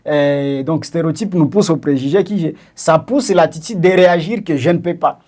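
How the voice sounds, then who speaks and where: A man's voice: a little high, normal speed, a little mellow. A man from Congo co-hosting a discussion, explaining with examples and many hesitant fillers. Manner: explains with examples, asks questions. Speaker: podcast co-host. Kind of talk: casual discussion.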